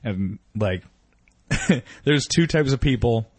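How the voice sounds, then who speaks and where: A man's voice: medium pitch, animated, slow, a little mellow, slightly rough, dry recording. A man in casual podcast chat who speaks hesitantly and trails off mid-thought.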